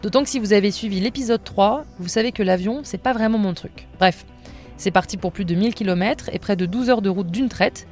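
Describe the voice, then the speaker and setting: A woman's voice: medium pitch, a little fast, darkish tone, soft background music. A woman podcast host telling a personal story in casual narration, with a wry, self-mocking humor.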